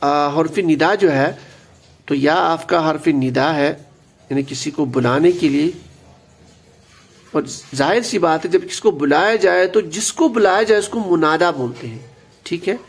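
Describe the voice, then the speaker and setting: High gravelly male grammar teacher. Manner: patient, repeats key words, mixes in English terms. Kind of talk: explanatory lesson.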